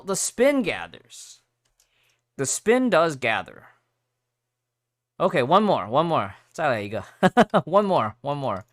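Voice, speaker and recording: Male game streamer, casual live commentary, bright forceful tone, very dry close sound. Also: medium pitch, no echo. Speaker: game livestreamer.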